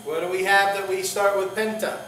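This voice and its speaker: A man, a pastor, teaching an informal Greek class, talking in a halting way with many fillers and restarts and joking with his students. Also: high voice, fairly even intonation. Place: church classroom. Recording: roomy, distant classroom recording with faint hiss.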